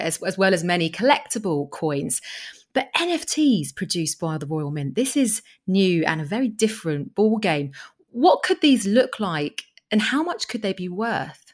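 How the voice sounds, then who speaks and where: A woman with a lowish voice hosts a finance podcast interview. She steers the talk with friendly, guiding questions. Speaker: podcast host.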